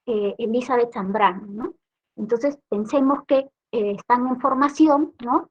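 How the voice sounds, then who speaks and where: Capacitadora peruana de voz aguda, explica con pausas y preguntas retóricas; sonido apagado, de baja fidelidad. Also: female voice, high voice, lo-fi sound. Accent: Peruvian Spanish. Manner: explanatory, frequent rhetorical "¿no?" tags. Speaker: trainer. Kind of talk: training lecture.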